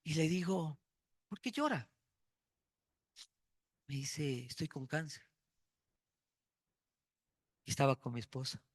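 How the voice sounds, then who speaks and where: Guy preaching, highish voice, dry close sound, keeps repeating words. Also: a little slow, long pauses, dry recording. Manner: emphatic, repeats key words, tells personal stories. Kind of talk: sermon.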